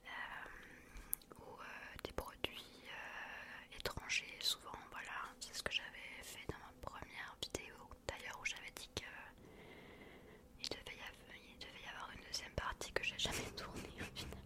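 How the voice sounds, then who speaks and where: Woman whispering close in your ear, ASMR. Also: normal speed. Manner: chatty, intimate, addressing one listener informally. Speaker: ASMR video creator and host. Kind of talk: ASMR, whispered casual vlog.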